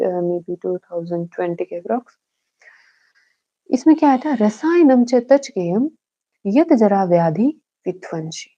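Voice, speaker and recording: A woman giving an exam-prep lecture, asking herself quick questions and slowly chanting verses. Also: medium pitch, gravelly, mellow, breathy edge, highs cut off. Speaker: Ayurveda teacher.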